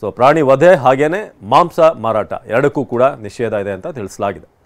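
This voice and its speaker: A man's voice: medium pitch, moderate pace. Man reporting news, loose and chatty. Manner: loose, conversational delivery with fillers and restarts. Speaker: news anchor.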